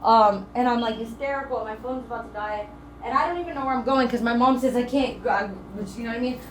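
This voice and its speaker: A woman's voice: a little high, fairly even intonation, fast, echoey room, a little hiss or hum. A woman vlogger telling a personal story to the camera in a rambling, emotional way.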